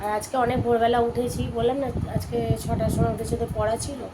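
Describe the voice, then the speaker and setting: A woman in her thirties, hoarse from a cold, chatting casually in a home vlog as a mother who scolds her children in between. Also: on the high side, flat delivery, fast talker, heavy background noise. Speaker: vlogger, mother.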